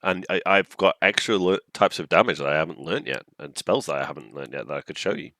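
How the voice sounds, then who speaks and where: Man playing a deep, politely nervous contestant. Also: pushed and bright, dry recording, clean studio sound. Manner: halting, politely earnest. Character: eager, polite, nervous fantasy villain audition contestant.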